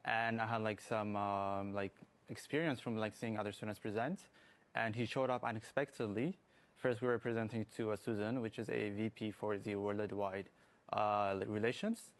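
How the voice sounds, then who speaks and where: A young man who grew up in Ethiopia, a student guest in a morning TV interview, speaking haltingly with many fillers. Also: fairly low pitch, fairly even intonation. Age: young adult. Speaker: guest, student app developer.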